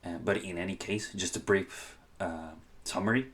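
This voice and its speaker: A low-pitched young man from Honduras, Spanish his first language, talks to his viewers in a relaxed podcast style. He hesitates often, backing up to restart phrases and correct slips. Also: moderate pace. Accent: Spanish-speaking Honduran. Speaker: channel host. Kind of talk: casual podcast-style advice talk.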